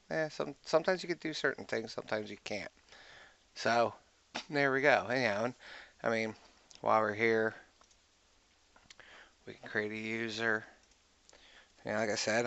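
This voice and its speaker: A man's voice: fairly low pitch, vocal fry, fairly bright tone. A man giving a casual screen-recorded tech walkthrough, thinking aloud and muttering to himself as he clicks. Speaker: IT tutorial host.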